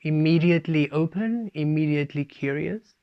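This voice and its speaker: A man giving a spiritual talk, speaking of himself as "we" and shifting between playful and calm. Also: on the high side, moderate pace, clear, resonant tone. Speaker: spiritual teacher. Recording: dull lo-fi recording.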